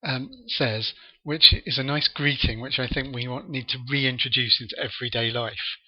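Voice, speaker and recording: A man's voice: mid-range voice, fairly even intonation. A man co-hosting a podcast, chatting playfully about an old film and joking with his partner. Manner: playful, jokey, quick to agree. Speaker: podcast co-host. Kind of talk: casual film discussion. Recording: dull lo-fi podcast audio.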